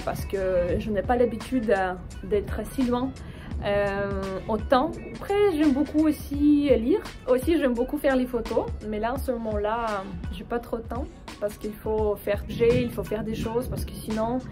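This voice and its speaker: A woman from Ukraine, a French teacher and video creator whose first language is Russian, chats casually and personally to camera outdoors with music playing behind her. Her pitch is fairly high, and she's friendly but hesitant, with many fillers and restarts.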